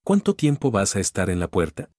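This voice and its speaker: Hombre poniendo voz de anciano alfarero brusco. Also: male voice, sits low, sing-song, a little fast, dark tone, dry recording, clean studio sound. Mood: impaciente. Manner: brusque, curt. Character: gruff weary old male potter.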